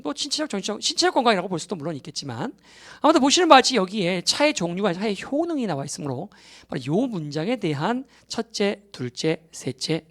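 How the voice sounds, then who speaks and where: Lively man teaching exam English. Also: high-pitched. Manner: explains step by step, often checks in with the class; mixes English terms into Korean explanations. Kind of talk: recorded exam-prep lecture.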